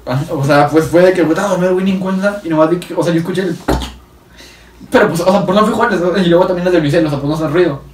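A man's voice: high-pitched, very fast, a little mellow, slight background noise. A young man from Mexico with a Mexican Spanish accent, telling stories in a casual, slangy way and laughing often. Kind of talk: casual chat. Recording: echoey room, mic at a distance.

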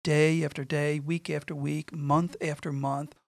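A middle-aged man speaking earnestly and in a measured way, sharing a personal testimony in conversation. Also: a little high, little pitch movement, vocal fry, no room sound. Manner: earnest, measured, repeats phrases for emphasis. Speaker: guest speaking on faith and suffering.

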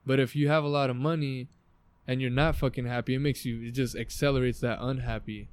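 An American-accented man hosts a casual motivational podcast outdoors in a backyard, speaking informally and emphatically with frequent swearing. His mid-range voice is clear and resonant, fairly even in intonation, and a little fast.

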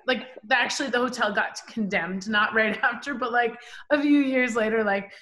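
Bright-voiced chatty woman boxer in her forties. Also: a little high, moderate pace. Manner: animated, chatty, many fillers like "like" and "um". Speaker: professional boxer, podcast guest. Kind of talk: casual storytelling interview.

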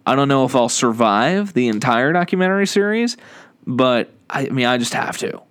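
A man's voice: medium pitch, lively intonation, normal speed, a bit bright, smooth. A man from the hosting a casual podcast, rambling with many fillers and restarts and laughing often. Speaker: podcast host. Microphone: studio microphone.

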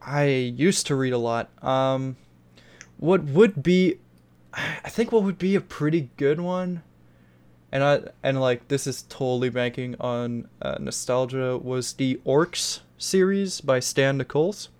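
A man's voice: medium pitch, takes it slowly, a little mellow, clear, resonant tone. A man with a blocked nose hosting a casual podcast, rambling and swearing freely. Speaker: podcast host. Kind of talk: casual chat.

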